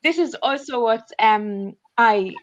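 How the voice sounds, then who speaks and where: Speaking from a shared flat at home, a young woman with a Maltese accent reads her notes for an online student panel, earnest and thinking aloud with many fillers. Her slightly high voice is expressive and slow. The video-call computer mic gives dull audio with no echo.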